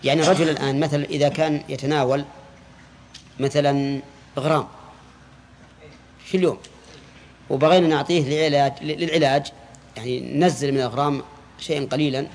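A man's voice: fairly high pitch, fairly even intonation, fast talker, pauses often, a little mellow. A man, a sheikh giving a classroom lecture on jurisprudence. He explains patiently, repeats key words and puts questions to his students. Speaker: sheikh teaching Islamic jurisprudence. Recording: roomy reverberant hall with faint hiss.

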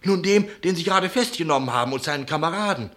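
A man with a slightly high, bright, expressive voice talks fast, playing an anxious, chatty innkeeper in a German radio play. Shaken, he gives his testimony dramatically and with deference.

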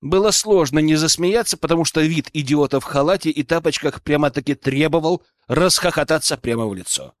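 A man's voice: a little high, fairly quick, hardly any pauses, dry recording, studio quality. A man narrating a first-person story as an audiobook, with an ironic, storytelling manner.

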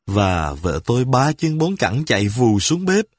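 Husky guy telling a funny story, dry close sound, lively delivery. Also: mid-range voice, measured pace, dry recording. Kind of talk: reading a humorous story aloud.

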